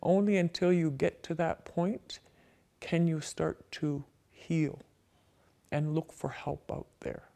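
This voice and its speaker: An older woman giving slow, reflective personal testimony as an interviewee, her voice disguised by pitching it down so it sounds like a man. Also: gravelly, mellow.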